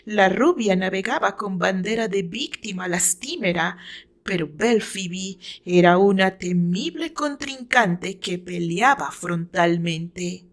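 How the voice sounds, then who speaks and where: A woman with a Mexican accent narrates her own novel in a dramatic, deliberate and theatrical style. Her voice sits in the mid range and sounds animated.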